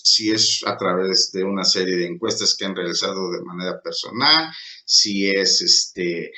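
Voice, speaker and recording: Slow, halting teacher. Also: male voice, on the low side, bright, forceful tone. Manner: slow, halting delivery with many fillers. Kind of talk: recorded lecture. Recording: echoey room.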